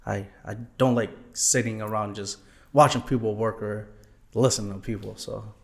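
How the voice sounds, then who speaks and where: A man's voice: fairly low pitch, fairly even intonation, normal speed, gravelly. A young man from Thailand answering interview questions politely, often saying yes sir and um. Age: young adult. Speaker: guest, former college student.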